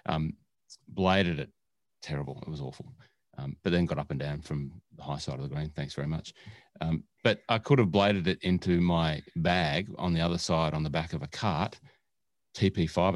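This Australian podcast co-host has a voice that sits low, recorded with no room sound. Chatting casually, he jokes around, rambles, and frequently wanders off on tangents.

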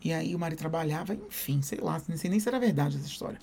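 A man with a Brazilian Portuguese accent co-hosting a podcast, telling stories in a lively way and acting out quotes. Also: on the high side, racing, vocal fry, slight background noise. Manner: animated storyteller, acts out quotes. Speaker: podcast co-host. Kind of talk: casual chat.

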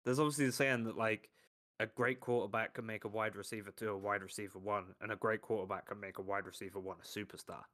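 A man's voice: lowish voice, steady tone, fast talker, a bit bright. A man co-hosting a podcast, talking sports in a blunt, casual way and swearing freely. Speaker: podcast co-host. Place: lives in Ohio.

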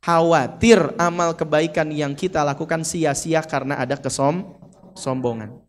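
High-voiced Sundanese-accented man preaching playfully. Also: moderate pace. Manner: lively and playful, acts out quotes and mimics. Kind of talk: sermon. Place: mosque.

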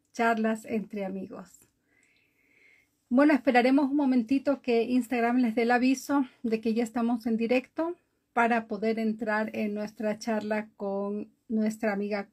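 A woman's voice: fairly high pitch, darkish tone. A woman from Ecuador hosting a live online interview show, talking in a chatty, exclamatory way and laughing often. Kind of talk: casual live-stream chat. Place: home in Norway. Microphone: video call. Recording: dull lo-fi live-stream audio.

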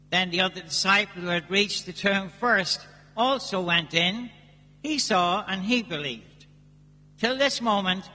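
A priest reading the gospel and preaching at Mass in a slow, measured way, his voice ringing with cathedral echo. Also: sits high, bright, forceful tone. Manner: slow, measured liturgical delivery. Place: large church. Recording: long church reverb.

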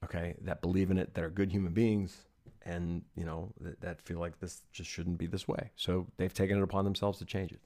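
Emphatic low-voiced man giving advice. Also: flat delivery, brisk, dark tone. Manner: emphatic, advice-giving, checks in with "okay?" and "right?". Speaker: podcast guest, UX consultant. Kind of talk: casual podcast conversation.

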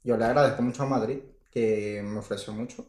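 A Venezuelan man co-hosting a podcast, speaking in a relaxed, earnest way about living abroad. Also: fairly low pitch, a little fast, roomy sound. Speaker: podcast co-host. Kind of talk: casual chat.

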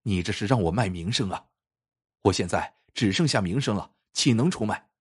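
A man's voice: on the low side, expressive, moderate pace, husky. A man reading the part of a poor, principled male scholar who refuses his friend firmly. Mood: refusing.

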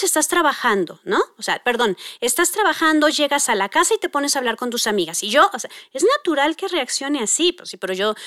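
High-pitched lady chatting about parenting, lots of fillers, dry sound. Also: fairly bright tone, dry recording. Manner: frequent fillers, acts out quoted dialogue. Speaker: parenting speaker. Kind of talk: conversational talk on parenting.

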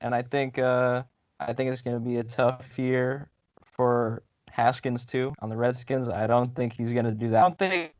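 A man co-hosting a sports podcast, chatting casually in halting, heavily profane bro slang. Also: medium pitch, fairly even intonation, a little mellow, dry recording, highs cut off. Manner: slangy bro-talk, heavy swearing, halting.

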